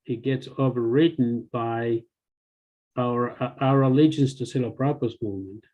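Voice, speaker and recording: A man in his sixties, born in El Salvador and raised in the US and Canada, talking haltingly with many fillers on a video call. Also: mid-range voice, highs cut off. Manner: hesitant, many fillers and restarts. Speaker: longtime devotee joining the call. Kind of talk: casual discussion on a video call. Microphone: video call computer mic.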